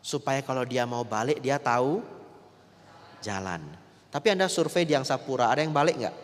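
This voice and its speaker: A man, a Buddhist monk, telling a story in a sermon, speaking straight to his listeners and swinging between loud and soft. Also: medium pitch, animated, normal speed. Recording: echoey hall.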